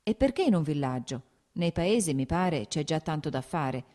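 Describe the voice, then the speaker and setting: Woman doing a shy gentle guy asking careful questions, audiobook reading. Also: sits low, big pitch swings, moderate pace. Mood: hesitant. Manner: quiet, hesitant, questioning. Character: mild, timid landowner, younger brother.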